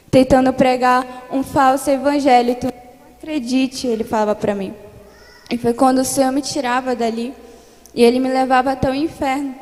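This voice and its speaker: A young woman with a Brazilian Portuguese accent, giving an earnest, fervent religious testimony in a church and retelling it in repeated phrases. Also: high voice. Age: young adult. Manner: earnest, repetitive storytelling that grows louder and more fervent. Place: church hall. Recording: echoey church hall.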